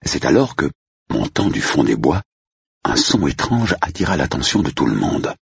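A man reading a story aloud in a steady, measured way, with a slightly dull recording. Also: rumbling low, vocal fry, breathy edge, no room sound. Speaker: narrator. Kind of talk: scripted narration.

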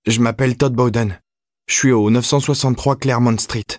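A man's voice: mid-range voice, fairly even intonation, brisk, no room sound, voice pushed up, natural voice. Man doing a strained teen boy, tense raised voice, dry close sound. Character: frantic teenage boy under strain. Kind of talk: audiobook character voice.

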